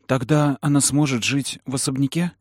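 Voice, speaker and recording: A man voicing a stubborn young boy who shouts and pleads through tears. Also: medium pitch, fairly even intonation, normal speed, no room sound, studio quality, pitched above the performer's own voice, natural voice. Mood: pleading.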